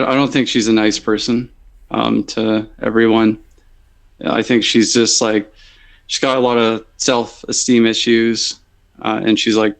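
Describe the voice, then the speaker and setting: Blunt man, flat even pitch. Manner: blunt, opinionated. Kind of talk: casual group discussion.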